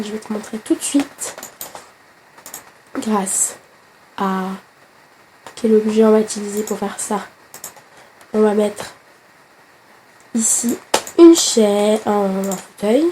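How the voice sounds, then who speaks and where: A woman with a hoarse voice from a flu, chatting straight to the viewer in a casual game tutorial, with hesitant fillers. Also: medium pitch, slow, long pauses, warm tone, slight background noise. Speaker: gaming tutorial host.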